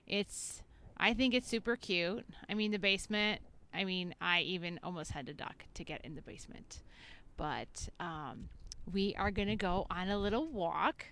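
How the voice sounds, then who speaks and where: An author vlogger with a lowish, fairly bright voice chats playfully and ramblingly at a moderate pace while walking outdoors past a house in spring. She films herself on a handheld camera or phone for a casual walking vlog.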